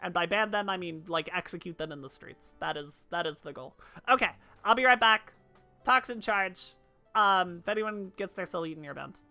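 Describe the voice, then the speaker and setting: A woman's voice: on the low side, moderate pace, bright, forceful tone, soft background music. A woman livestreaming a game, chatting casually to her viewers in a playful, cute streamer manner with exclamations. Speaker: livestream host playing an online game. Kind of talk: casual livestream chat with squeals and read-aloud game dialogue.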